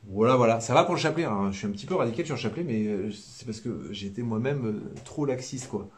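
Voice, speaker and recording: A man's voice: mid-range voice, fast. A man with a Southern French accent giving a casual spiritual talk, rambling and hesitant, full of fillers and repeated words. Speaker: religious brother giving a live talk.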